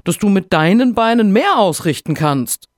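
A man's voice: high-pitched, very animated, no echo, clean studio sound, pitched above the performer's own voice. A man voicing a stubborn, cunning male hedgehog who talks in a pushy, emphatic way. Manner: pushy, emphatic, sometimes hurried.

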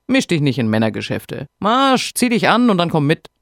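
A man's voice: fairly high pitch, wildly swooping pitch, vocal fry, fairly bright tone, no room sound, studio quality, voice pushed up, full character voice. A man playing a cunning bossy hedgehog. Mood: stubborn. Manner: pushy, emphatic, sometimes hurried. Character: stubborn, cunning male hedgehog, proud and bossy.

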